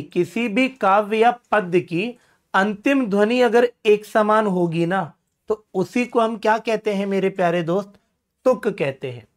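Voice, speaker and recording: A man teaching grammar for an exam, calling his students friends and asking questions he then answers himself, with self-mocking asides. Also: high voice. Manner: self-deprecating joking asides. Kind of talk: exam-prep lesson.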